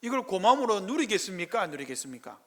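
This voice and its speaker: A pastor, preaching a sermon in a church sanctuary and firing rhetorical questions at the congregation. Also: male voice, sits high, big pitch swings, quick pace. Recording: echoey church hall.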